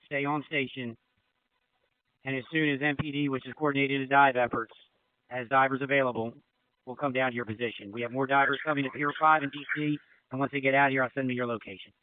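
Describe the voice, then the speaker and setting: A man acting as incident commander, giving brisk, directive orders over a marine radio channel. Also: mid-range voice, level tone, clean tone, phone-quality sound. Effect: marine radio transmission. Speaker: river branch incident commander. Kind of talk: emergency radio dispatch.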